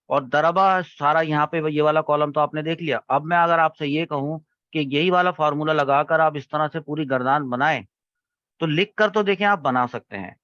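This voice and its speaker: A man's voice: fairly high pitch, no room sound. A man teaching an online grammar class over a video call, patiently quizzing students step by step. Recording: dull, dry online call audio.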